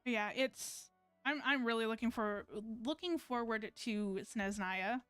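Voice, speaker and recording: Over soft background music, a young woman from Canada chats with viewers while playing a game, her fairly high, bright, smooth voice unhurried and free of room sound. Her talk is loose and hesitant, and she keeps restarting and using fillers.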